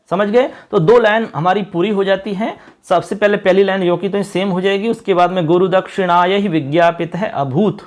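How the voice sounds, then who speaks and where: A man teaching a Sanskrit lesson in a casual, friendly way, repeating himself often and slowing down to spell out each word. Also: high-pitched. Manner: friendly and repetitive, slows to spell out words. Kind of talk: casual Hindi video lesson.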